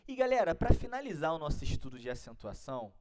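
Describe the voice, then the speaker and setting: Animated Brazilian male grammar teacher. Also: on the high side, quick pace. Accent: Brazilian Portuguese. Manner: didactic, keeps checking in with listeners. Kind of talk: exam-prep grammar lesson.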